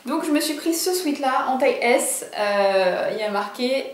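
A young woman talks casually through a clothing haul, chatty and bubbly, full of fillers and little asides. Her voice sits a touch high. The room around her rings with echo. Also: animated, normal speed. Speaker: vlogger.

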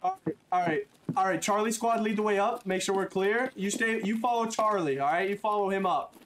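A man with a high, light voice plays a police captain over in-game voice chat, barking orders with mock-stern cop bravado. A faint hiss sits under his voice. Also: fairly quick, a bit bright. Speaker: streamer playing a police captain. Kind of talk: in-game voice chat role-play.

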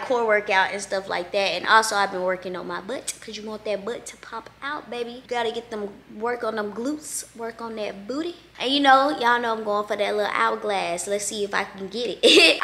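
A young woman, chatting casually to viewers from her living room about her day, errands and workouts. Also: a little high. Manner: chatty, animated, addresses viewers as y'all. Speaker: lifestyle vlogger. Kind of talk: casual vlog chat to camera. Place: bright open-plan living room, indoors.

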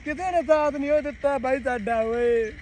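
A man with a Punjabi accent playing a desperate, aggrieved, half-dead village YouTuber who pleads loudly and repetitively in a comedy skit. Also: very high-pitched, normal speed, rough recording. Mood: wailing complaint. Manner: loud, plaintive, repetitive pleading. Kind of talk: comedy skit, mock plea to viewers. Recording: faint outdoor traffic noise.

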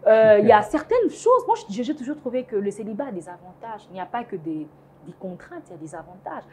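Animated young woman, studio interview. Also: on the high side, fast, a little hiss or hum. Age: 20s. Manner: animated, emphatic, laughs easily. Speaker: guest, founder of a women's platform. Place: TV studio set. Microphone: lapel mic.

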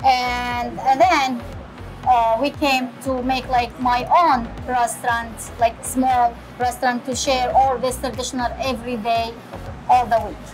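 High-voiced woman with a Syrian accent. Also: level tone, low-quality recording. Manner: halting English with frequent pauses. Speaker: restaurant chef and owner. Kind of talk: interview answers. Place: small restaurant kitchen indoors. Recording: background music.

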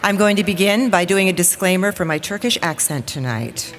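A woman in her forties, a TV weather reporter, rallies a large-hall audience with an upbeat, formal welcome from the lectern on stage. Her lowish voice is animated and fairly quick, with some chatter behind her, a little hiss or hum, and long reverb on the lectern microphone.

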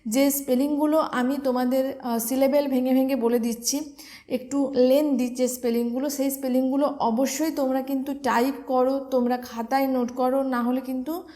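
High-voiced Bengali woman teaching vocabulary. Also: flat delivery, moderate pace, warm tone. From West Bengal, India. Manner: explains step by step, spells words letter by letter, asks and answers own questions. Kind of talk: exam-prep vocabulary lesson.

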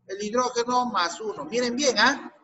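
A man's voice: very high voice, moderate pace, pushed and bright, lo-fi sound, slight background noise. A man teaching a chemistry class with a Peruvian Spanish accent, asking students questions and repeating their answers. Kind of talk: online class lesson.

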